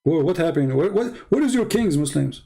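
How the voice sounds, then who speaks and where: A man's voice: on the high side, expressive, brisk, creaky, warm tone, breathy edge, poor audio. A man from the Middle East giving a sarcastic, mocking polemical monologue as a debater, issuing challenges.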